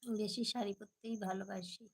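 Hoarse woman chatting on a late live stream. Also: medium pitch, steady tone, normal speed, poor audio. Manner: chatty, answers viewer comments. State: hoarse from a cold. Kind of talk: casual live chat with viewers.

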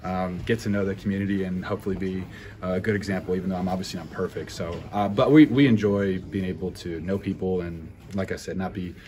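Young male athlete, low-ish voice, rapid upbeat postgame answers, noisy room. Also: steady tone, darkish tone. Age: young adult. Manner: upbeat, grateful, talks quickly. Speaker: college football punter. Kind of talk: postgame press interview. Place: busy postgame interview area indoors. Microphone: handheld recorders and phones held close.

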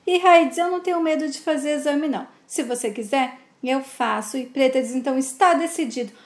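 A woman's voice: sits high, brisk. A woman retelling a soap opera episode in a casual, chatty way, reading out the characters' lines and commenting on them. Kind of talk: casual retelling with read-out dialogue. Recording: roomy echo.

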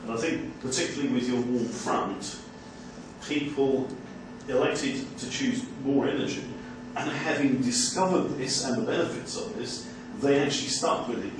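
A lecturer speaking up from the audience in a small seminar room, measured and hesitant with frequent ums. He sounds distant and very echoey. A clear hiss runs underneath. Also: mid-range voice, lively intonation. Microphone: far room camera mic.

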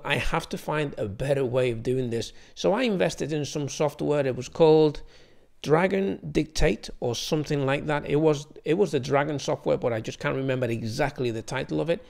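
A man presents a software tutorial in casual, explanatory talk. His voice is slightly high for a man, with a strong gravelly fry running through it.

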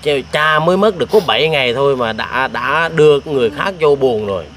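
A male host, asking gentle, sympathetic interview questions. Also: medium pitch, animated, brisk, slight background noise. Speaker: charity show host interviewing.

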